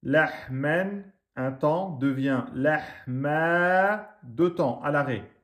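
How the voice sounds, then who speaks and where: A man teaching a reading lesson, slowly drilling words syllable by syllable, with quick asides in between. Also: a little high, fairly bright tone. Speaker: Arabic teacher.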